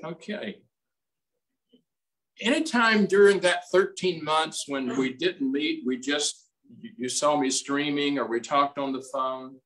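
A man in his eighties preaching a sermon as pastor, slow and emphatic in a folksy way, recorded on a desk mic in a small room. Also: on the high side, a bit bright, rough recording. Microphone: desk mic on stand, streamed over video call.

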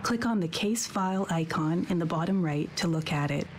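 A woman's voice: fairly low pitch, moderate pace, noisy background. A woman giving scripted tutorial instructions for a video game in a composed, instructional manner. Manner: clear-worded, instructional, composed. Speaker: tutorial narrator.

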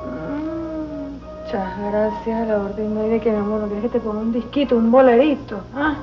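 Actress doing a sassy venezuelan woman teasing a friend, higher voice. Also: normal speed, natural voice. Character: teasing practical woman, sharp-tongued. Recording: dull TV audio with music.

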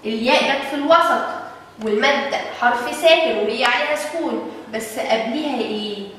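A woman with an Egyptian Arabic accent teaching young children phonics, sounding out syllables slowly and asking questions she answers herself. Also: high-pitched, fairly bright tone, heavy reverb, big-room sound, recorded from a distance, a little hiss or hum, poor audio. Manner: asks the class questions and answers them herself. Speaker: early-years teacher.

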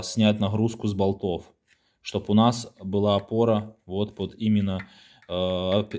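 A man casually walking through the homemade tractor he built, explaining it in a halting way, with many fillers and restarts. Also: fairly low pitch, darkish tone. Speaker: home mechanic showing his build. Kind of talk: casual garage walkthrough.

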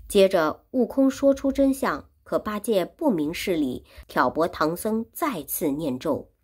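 A woman's voice: on the low side, animated, unhurried, darkish tone, husky. A woman teaching Chinese who retells a classic story in simple words and repeats and explains each phrase. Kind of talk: storytelling lesson.

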